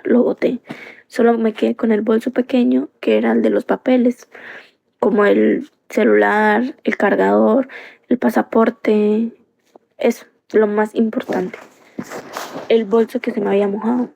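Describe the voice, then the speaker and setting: A woman's voice: fairly high pitch, gravelly, mellow, lo-fi sound. A woman from Colombia, earnestly telling a personal story on a live stream into a phone, circling back with many fillers.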